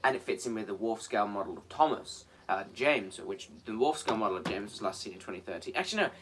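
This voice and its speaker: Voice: low voice, lively intonation, fast talker, noisy background. A co-host in a casual show-and-tell who chats through each item and corrects details along the way. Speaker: co-host presenting model props.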